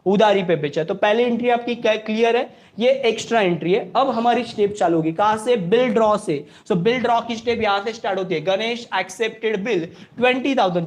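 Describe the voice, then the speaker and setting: Man, Indian accent, high pitch, accounts lesson, asks and answers own questions, repetitive. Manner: mixes English terms into Hindi. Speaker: accounts teacher. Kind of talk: classroom lecture.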